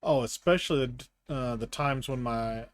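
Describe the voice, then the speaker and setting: A man's voice: mid-range voice, moderate pace, no room sound. Wry Southern man chatting while building. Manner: rambling, self-deprecating, wry. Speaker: live streamer. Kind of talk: casual chat while building a brick set.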